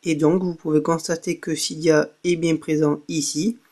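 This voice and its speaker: This man's voice sits a little high, with a darkish tone, little pitch movement, and a normal pace. He's a tech blogger narrating a laid-back tutorial, often pausing on fillers and tossing in "voilà" once each step is done.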